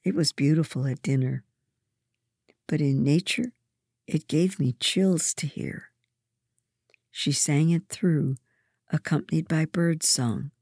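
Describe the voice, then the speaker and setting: A woman reading a first-person story aloud in a gentle, measured way. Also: deep voice, husky, dry recording, studio quality. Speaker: narrator.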